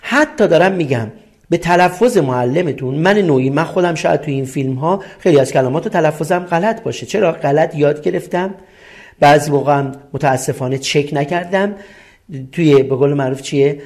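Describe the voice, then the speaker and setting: A man's voice: on the high side, darkish tone. A middle-aged man with a Persian accent, teaching a recorded English lesson and explaining each point step by step, asking questions and answering them himself.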